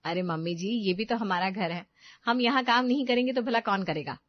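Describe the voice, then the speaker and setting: A woman's voice: medium pitch, brisk, no room sound, natural voice. A woman voicing a grumbling, sarcastic young daughter-in-law, recorded dull and dry. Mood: polite. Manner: sarcastic, complaining.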